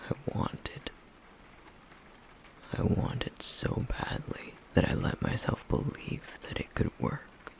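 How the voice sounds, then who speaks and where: Regret colors this man's breathy, gravelly near-whisper as he portrays a guarded, stoic flame demon nursing a wound in an intimate ASMR roleplay. The pace is slow and brooding, the teasing wry, and the voice natural.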